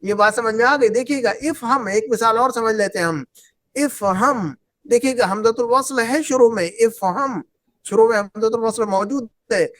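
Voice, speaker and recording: A woman's voice: on the high side, moderate pace. Woman teacher drilling a class. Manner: repetitive, drills students with questions. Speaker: Arabic teacher. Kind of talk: classroom lesson.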